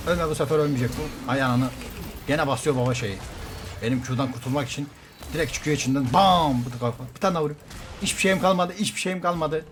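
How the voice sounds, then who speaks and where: A man streaming a game live, commenting excitedly, trash-talking opponents and calling out to his viewers. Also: mid-range voice, a little hiss or hum. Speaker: gaming streamer.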